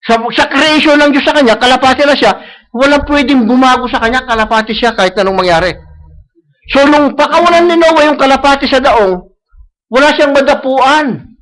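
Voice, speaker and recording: A man's voice: very high-pitched, fairly quick, a bit bright, low-quality recording. A man preaching a sermon, repeating key phrases and asking the congregation for agreement. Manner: mixes English phrases into Tagalog, repeats key phrases. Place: church service.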